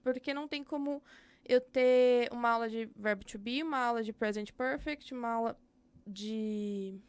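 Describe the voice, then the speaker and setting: A young adult woman with a Brazilian Portuguese accent talks openly as a podcast guest about her work as an educator. Her voice sits on the high side and is smooth. It's a casual interview, and she thinks aloud, using lots of fillers.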